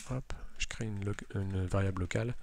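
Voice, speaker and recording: Sitting indoors at his computer, a man who develops in Java talks through his code in a live tutorial, frequently stumbling, starting over, and poking fun at himself. His low, gravelly, darkish voice stays steady and moves fairly quickly, with a little hiss or hum in the audio.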